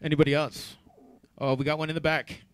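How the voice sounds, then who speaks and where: A man's voice: a little high, little pitch movement, fairly quick, fairly bright tone, clean tone. A man hosting a live radio interview, upbeat and eager, often stumbling over his words. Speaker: radio host. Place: live music lounge.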